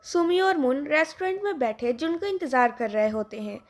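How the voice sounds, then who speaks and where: High-voiced woman telling a story. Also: lively intonation, moderate pace. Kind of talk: scripted story narration.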